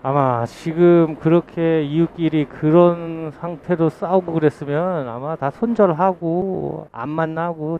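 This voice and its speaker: A man, a delivery rider vlogger, rambling through casual stories of old village life and acting out quoted lines. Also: a little high. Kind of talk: casual storytelling monologue. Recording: tinny phone-like with faint noise.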